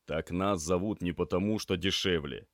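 A man reading an audiobook, voicing a calm, laconic young male student. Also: low voice, normal speed, dry recording, studio quality.

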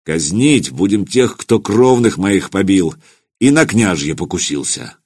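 A man voicing a cold, commanding old voivode in an audiobook, speaking in clipped, quietly menacing phrases. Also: deep voice, very animated, a little slow, slightly rough, heavily acted. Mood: cold, stern. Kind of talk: audiobook character voice.

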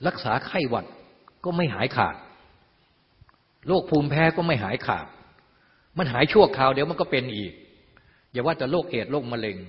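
An older male Buddhist teacher giving a dharma talk with mid-pitched, teasing, rhetorical delivery. He keeps asking his listeners whether they see. The sound is dull and lo-fi, with a long reverb trailing through a hall.

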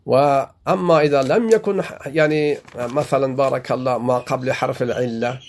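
A man from Afghanistan leads a classroom grammar lesson as a sheikh. His voice sits at an ordinary middle pitch, and he explains each point step by step. He often repeats his examples and pauses on small fillers. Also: darkish tone, slight background noise. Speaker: sheikh teaching Arabic grammar.

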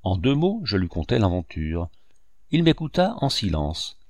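A man narrates a classic adventure novel in a steady, measured way. His voice sits on the low side, and the recording is close and dry with no echo. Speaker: audiobook narrator.

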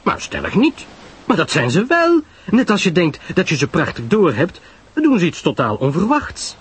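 A man voicing a chatty, nosy young society woman who gushes in a high, lilting voice. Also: huge pitch swings, moderate pace, breathy edge, full character voice. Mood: insistent. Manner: breathless gushing, high and lilting.

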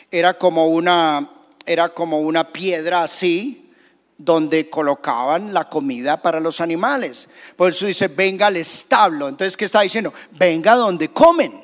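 A man, a pastor, preaching a sermon in a church with emphatic, dramatic delivery. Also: fairly high pitch. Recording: reverberant church hall.

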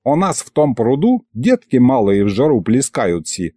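Guy playing grumpy jealous old granddad, creaky mutter, dry and dark. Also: mid-range voice, big pitch swings, normal speed, no echo. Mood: sarcastic.

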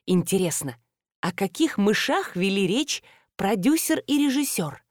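Woman, audiobook narration, wry first-person telling, lively pitch, dry close sound. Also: unhurried, no echo.

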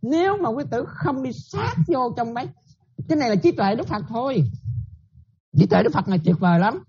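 A woman's voice: on the high side, animated, fairly quick, dark tone, breathy edge, lo-fi sound. A Buddhist nun giving a dharma talk, often checking that her listeners follow and repeating her points.

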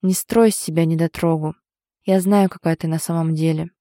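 A woman voicing a drunk, sour and menacing ex-boyfriend in an audiobook, sneering and bullying, louder than her narration. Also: low-pitched, steady tone, brisk, no room sound, clean studio sound, natural voice.

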